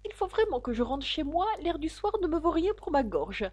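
A woman's voice: high-pitched, sing-song, normal speed, darkish tone, no echo, pitched above the performer's own voice. A woman voicing a fussy old female magpie who murmurs fretfully.

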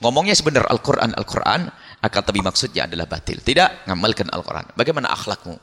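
Fast lively guy preaching, acts out prayers up high, big hall echo. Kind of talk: sermon with Quran commentary. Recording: hall reverb.

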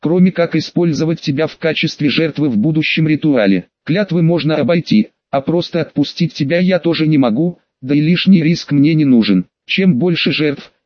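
A man reading an audiobook and voicing a calm, scheming male dark sorcerer who speaks with cold menace. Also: a little high, normal speed, hardly any pauses, dry recording, highs cut off, close to an everyday voice.

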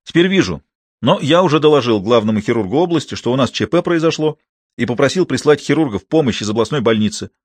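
A man voicing a hot-tempered middle-aged hospital deputy chief who shouts and bosses people around. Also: medium pitch, fast, no room sound, close to an everyday voice. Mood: grumbling. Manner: shouting, excitable, bossy.

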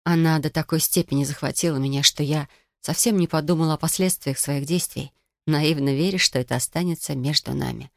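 A woman's voice: sits low, steady tone, brisk, vocal fry, darkish tone, no room sound, studio quality. Woman narrating a novel in the first person. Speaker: audiobook narrator.

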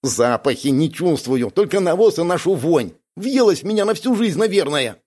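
A man's voice: high voice, animated, brisk, a little mellow, voice pushed up. A man voicing a whiny, put-upon male soldier in an audiobook, complaining and close to tears. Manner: whining, complaining, near tears. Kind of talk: audiobook character voice.

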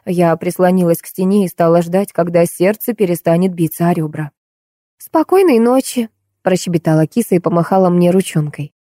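A woman reading a novel aloud as audiobook narrator, in an even storytelling manner. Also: lowish voice, fairly quick, hardly any pauses, dry recording, clean studio sound. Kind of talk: scripted narration.

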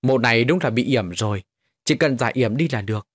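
A man voicing a calm, self-assured young man with occult powers in an audio storybook. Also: medium pitch, brisk, no echo, studio quality, lightly acted.

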